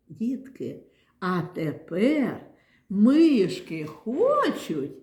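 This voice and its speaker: A woman's voice: fairly high pitch, darkish tone, reverberant. A woman teaching a phonics lesson to small children, talking in a patient, sing-song way. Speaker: kindergarten teacher.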